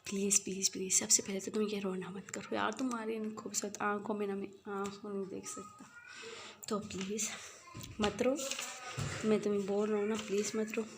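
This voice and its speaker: A woman's voice: mid-range voice, level tone, normal speed, background noise, close to an everyday voice. A young man in a spoken story, coaxing and pleading with a playful, teasing edge, put on by a woman. He is caring rather than stern, with a mid-range, everyday voice.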